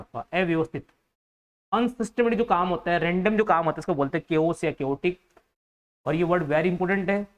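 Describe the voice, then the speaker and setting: An Indian-accented man teaching English vocabulary for competitive exams. He explains each word patiently, repeats it, and spells it out letter by letter. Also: high-pitched. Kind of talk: vocabulary lesson for exam students.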